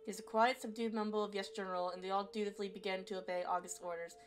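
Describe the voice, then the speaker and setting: A woman streamer reading a visual novel aloud as expressive story narration. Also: medium pitch, fast talker, a little hiss or hum. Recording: faint game music behind. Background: faint music.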